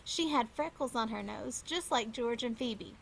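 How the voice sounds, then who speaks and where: A woman's voice: on the high side, normal speed, vocal fry, slight background noise, rough recording. A woman teacher reading a chapter book aloud to children, adding chatty asides and laughing often.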